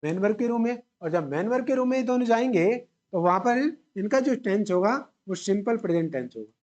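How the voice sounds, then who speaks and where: A man's voice: high-pitched, expressive, fairly quick, a little mellow, muffled recording. Man drilling grammar at a whiteboard. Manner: poses questions to the class and answers them himself, repeating key words; mixes English grammar terms into Hindi explanation. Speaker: English grammar teacher. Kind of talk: exam-prep classroom lecture. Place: classroom with a whiteboard.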